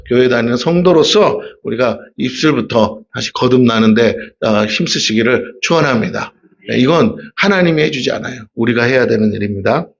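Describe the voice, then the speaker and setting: Animated Gyeongsang-accented male pastor preaching. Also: on the high side, lo-fi sound. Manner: conversational, animated preaching with rhetorical questions. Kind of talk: sermon. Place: church sanctuary.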